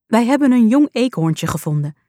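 A woman's voice: fairly high pitch, sing-song, normal speed, dark tone, no room sound, studio quality, voice pushed up. A woman voicing a caring mother. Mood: polite. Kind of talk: storybook reading.

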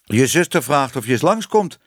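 A man's voice: medium pitch, big pitch swings, moderate pace, no echo, studio quality, pitched above the performer's own voice. A man reading a storybook, voicing a sly, scruffy female stray cat who coaxes and needles. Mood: coaxing. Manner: sly, coaxing.

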